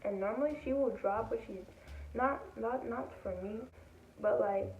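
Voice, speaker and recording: A woman's voice: a little high, measured pace, slight background noise. Teen girl, casual storytime, rambling filler-heavy delivery, acts out quotes; thin phone-like sound, echoey room, mic at a distance. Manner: acts out quoted people in her voice. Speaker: vlogger telling a story. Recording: tinny, roomy, distant from mic.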